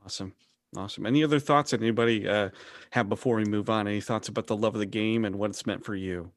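A man's voice: lowish voice, steady tone, fast talker, no room sound, clean studio sound. A man hosting a podcast interview, upbeat and encouraging toward his guests. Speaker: podcast host.

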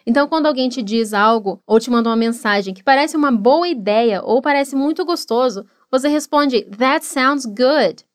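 Woman, Brazilian Portuguese accent, English teacher, encouraging, high-pitched, smooth clear tone. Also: dry recording, studio quality. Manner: encouraging, slow model repetitions. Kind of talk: English lesson for Portuguese speakers.

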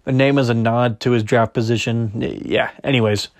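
Young male podcast host, chatty and rambling, mid-pitched, dry close-mic read. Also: steady tone, moderate pace, no echo. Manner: rambling, self-correcting, chatty. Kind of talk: solo podcast sports chat, reading news aloud.

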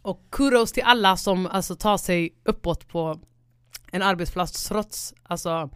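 A woman co-hosting a casual chat, animated and quick-tongued, often switching into English. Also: on the low side, clear, resonant tone, no room sound. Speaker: podcast co-host.

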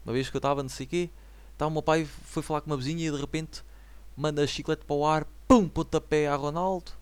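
A man in his twenties speaks with a European Portuguese accent in a loose solo vlog chat. His voice sits a little high and the sound is dry and close. He rambles through slang and keeps checking that his listeners follow. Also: fairly even intonation, fast, clean tone, dry recording. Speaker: vlogger. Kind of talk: casual solo chat to viewers. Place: at home.

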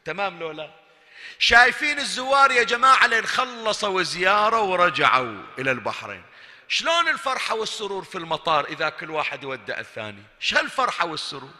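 A man with a Bahraini accent preaching a Shia majlis sermon, swinging from hushed, intimate talk to loud, impassioned appeals. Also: high-pitched, big pitch swings, fast talker. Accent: Bahraini Arabic. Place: large mosque hall. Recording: echoey hall with long reverb.

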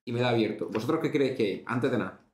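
A man's voice: mid-range voice, very fast, echoey room. A man from Spain co-hosting a casual talk show, telling a story and reading out a letter. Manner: steady storyteller, leads the segment. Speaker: podcast co-host.

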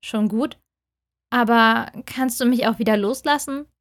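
A woman's voice: fairly high pitch, unhurried. A woman voicing a puzzled young male student, the first-person lead of an audiobook romance. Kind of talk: audiobook reading.

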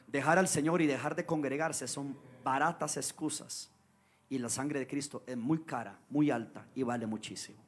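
Fervent preaching man over soft guitar. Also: medium pitch. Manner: fervent preaching, calls for amens and repeat-after-me, swells loud on scripture. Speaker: pastor. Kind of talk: sermon. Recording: soft guitar music behind.

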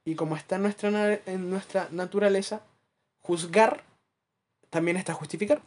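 A man with a Chilean accent chatting casually as a podcast co-host, acting out his anecdotes with lively asides. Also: high voice, normal speed. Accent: Chilean Spanish. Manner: animated storyteller, acts out anecdotes, laughs at his own jokes. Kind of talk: casual chat.

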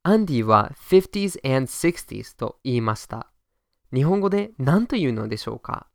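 A man's voice: medium pitch, very animated, normal speed, gravelly, no echo, clean studio sound. Man teaching a bilingual lesson. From United States. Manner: explains in Japanese then repeats in English, friendly and upbeat. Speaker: podcast language teacher.

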